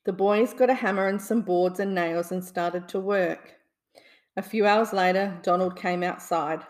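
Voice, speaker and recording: A woman reading a children's bedtime story aloud in a gentle, soothing storyteller manner. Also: fairly low pitch, steady tone, unhurried.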